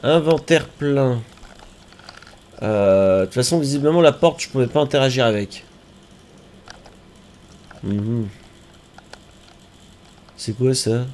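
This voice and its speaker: A man streaming a game, reacting out loud with yelps and groans and talking to the enemies on screen. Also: mid-range voice, takes it slowly, pauses often, a little hiss or hum. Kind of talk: live gameplay commentary.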